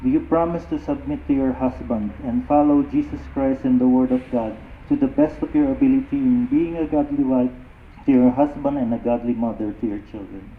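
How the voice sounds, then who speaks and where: A man officiating a wedding, putting formal vow questions in deliberate phrases. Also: mid-range voice. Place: wedding ceremony, over a sound system. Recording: echoey, thin phone-like sound, faint noise.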